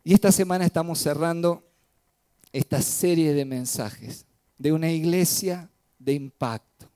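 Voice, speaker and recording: Un pastor con acento predica un sermón narrativo y dramático, alternando entre pasajes fuertes y suaves y frenando para enfatizar. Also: male voice, a little high, no echo. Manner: dramatic storytelling, swings loud and soft, slows for emphasis. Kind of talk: sermon.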